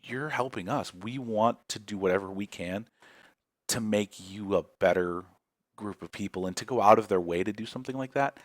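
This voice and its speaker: A man's voice: on the low side, normal speed, no echo. A man hosting a casual community livestream chat, rambling and emotional, with many restarts. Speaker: community podcast host.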